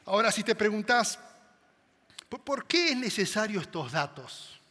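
A man preaching a sermon, swinging dramatically between loud emphasis and hushed tones. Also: high voice, very animated, moderate pace. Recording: long hall reverb.

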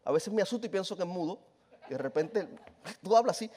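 Man, preacher, very high voice, lively humorous sermon, storytelling, rhetorical questions. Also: fast, slightly rough.

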